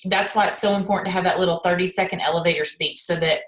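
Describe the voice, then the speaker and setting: A woman's voice: fairly low pitch, steady tone, fast talker, reverberant, low-quality recording. A woman leading her sales team on a video call, chatting casually and acting out little conversations with lots of fillers. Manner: chatty, acts out dialogue, many fillers. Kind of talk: casual coaching talk.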